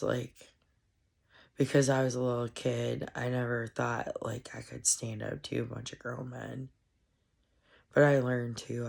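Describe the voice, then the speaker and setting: A woman with a stuffed-up, congested voice, rambling through a casual solo commentary with halting, meandering speech and many fillers. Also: extremely low pitch, creaky.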